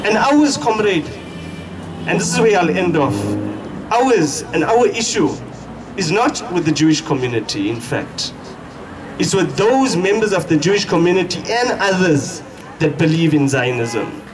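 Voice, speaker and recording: A distant, noisy outdoor recording of a South African man delivering a fiery rally speech. His voice is pitched high, and he builds his points with emphatic, repeated phrases. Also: sing-song. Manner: emphatic, deliberate rhetorical phrasing with repetition. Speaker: activist speaker at a protest rally. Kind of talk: fiery political protest speech. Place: outdoor protest. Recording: distant mic, noisy outdoor street ambience.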